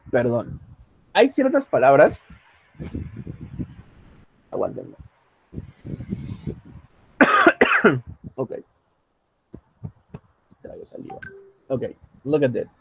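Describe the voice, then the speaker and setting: A man's voice: mid-range voice, huge pitch swings, very slow, pauses often, fairly bright tone, slightly rough. A man teaching English over a video call, patient and joking, switching between English and Spanish. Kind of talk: online class, bilingual teaching. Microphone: computer mic on a video call.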